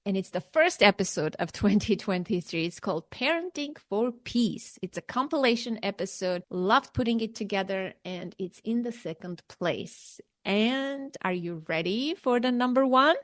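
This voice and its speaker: A woman's voice: fairly high pitch, animated, moderate pace, few pauses, no echo. Woman podcast host, close dry sound. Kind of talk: conversational podcast talk.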